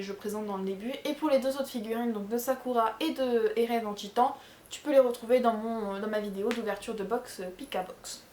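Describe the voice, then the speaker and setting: A woman's voice: fairly high pitch, a little mellow, echoey room, a little hiss or hum. Give me a chatty young French woman with a rambling way of talking. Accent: French from the Charente region. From France. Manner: chatty and rambling, many fillers and self-corrections. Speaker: vlogger answering viewer questions. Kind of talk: casual chat. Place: bedroom at home.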